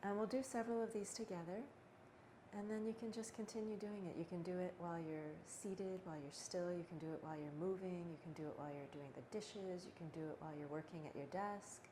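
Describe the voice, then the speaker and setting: Woman, breathing teacher, slightly low pitch, gentle unhurried delivery, casual guided instruction, noticeable ambient noise. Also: steady tone. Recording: clearly noisy background ambience.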